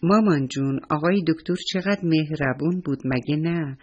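A man voicing a polite little boy who is sick, speaking softly and obediently. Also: fairly high pitch, husky, lo-fi sound. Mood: gentle. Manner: soft, obedient.

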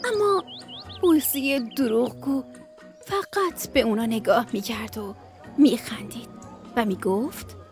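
Brief: woman children's radio storyteller, high gentle voice, faint music under her. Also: long pauses. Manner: gentle, expressive, sing-song storytelling. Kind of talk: bedtime story narration for children.

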